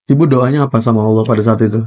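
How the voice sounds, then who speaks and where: A woman interviewer asking tactful questions and prompting softly with short murmurs of agreement. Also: very deep voice, fairly even intonation, rapid-fire.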